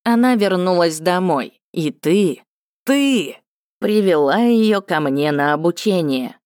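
A woman's voice: animated, takes it slowly, darkish tone, dry recording, studio quality. A woman reading an audiobook voices a bitter, vengeful male cat-folk lord who speaks coldly with hatred. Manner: cold, low and hissing with hatred.

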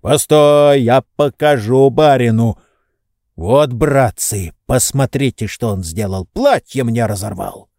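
A man reading an audiobook voices a hoarse, touchy old servant who heatedly defends his master. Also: medium pitch, slow, darkish tone, no room sound, studio quality. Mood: indignant. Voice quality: hoarse, wheezing. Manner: heated, indignant, boastful.

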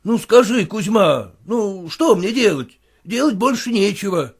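A fretful, indignant middle-aged merchant with a lively, swinging voice, as a man reading the story puts him on. He talks in bursts of worry and temper, pitched a little above his reader's own voice. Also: measured pace, slightly rough, heavily acted. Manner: agitated, indignant outbursts. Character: flustered angry middle-aged male merchant.

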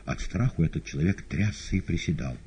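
Male audiobook narrator: dark, low, husky, theatrical. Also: fairly quick, a little hiss or hum. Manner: expressive, theatrical. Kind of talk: dramatic audiobook reading. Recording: dull lo-fi audio.

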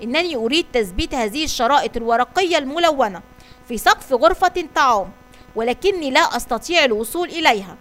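Cheerful little storybook sister, bright and eager, high voice, read by a woman. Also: animated, fast talker. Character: cheerful little sister before her birthday.

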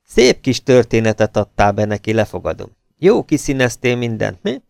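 A man's voice: on the low side, lively intonation, clear, resonant tone, no echo, clean studio sound. A man voicing a bitter, angry man who speaks curtly and harshly. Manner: curt, harsh delivery. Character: bitter, angry middle-aged man, curt and cold.

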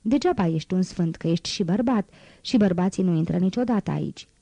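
A woman's voice: fairly low pitch, gravelly, warm tone, no room sound. A woman reading aloud and voicing a cheerful, devoted old male gardener in a raised, chatty voice.

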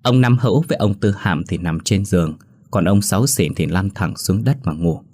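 A man narrating a horror story in a steady, even storytelling manner. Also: deep voice, normal speed.

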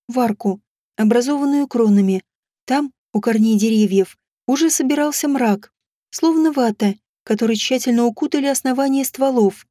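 A woman reading a first-person audiobook in a measured, steady storytelling manner. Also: a little high, no echo, studio quality. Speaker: audiobook narrator.

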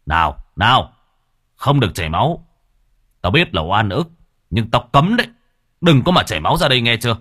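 A man voicing a calm, commanding young male exorcist who gives curt orders. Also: deep voice, moderate pace, long pauses, no echo, clean studio sound. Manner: brusque, commanding.

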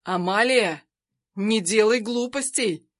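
A woman voicing a desperate husband who pleads with an armed woman and shouts urgent threats to save his wife. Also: mid-range voice, slow, no echo, clean studio sound, close to an everyday voice. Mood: urgent, pleading.

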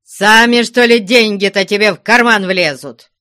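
A blustering old merchant bellows and berates, pacing his words slowly, as a male narrator puts him on. The reading is dry and close, with no room sound around it. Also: on the high side, dry recording. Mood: angry. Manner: shouting, scolding.

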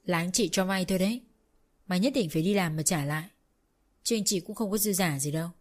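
A woman's voice: on the low side, quick pace, darkish tone, lightly acted. A woman voicing a young husband who speaks firmly to his family. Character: firm, reasonable young husband.

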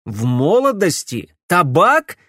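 A gruff, reluctant young strongman, voiced by a male reader, grumbling and loudly defiant. Pitch swings widely, and the recording is dry and close. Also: very animated, a little slow, no echo.

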